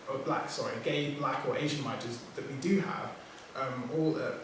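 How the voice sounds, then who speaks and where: Heard from a distance in a reverberant theatre hall with background noise, a man of Nigerian descent who was raised abroad and speaks English natively delivers a prepared poet's talk on a writers' panel. His medium-pitched delivery is measured, with minor self-corrections.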